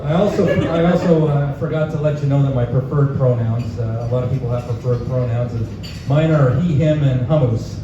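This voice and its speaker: A young Canadian comedian performs a live stand-up set to an audience in a pub comedy room, speaking casually, a little fast and at medium pitch, dropping plenty of "uh"s and chuckling at his own jokes. Captured by a distant mic in an echoey bar, the sound is dull and noisy.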